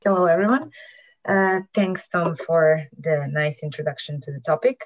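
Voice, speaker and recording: A woman's voice: low voice, normal speed, dry recording, muffled recording. A woman from Serbia with a Serbian accent, a marketing entrepreneur giving a hesitant opening statement on an online panel, full of fillers and restarts.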